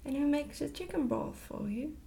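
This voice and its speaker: A woman voicing a curious, eager little princess girl in a soft ASMR storybook reading. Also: high voice, expressive, normal speed, vocal fry, pitched above the performer's own voice. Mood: inquisitive. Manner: inquisitive, eager questioning. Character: curious little princess, a bright, direct child.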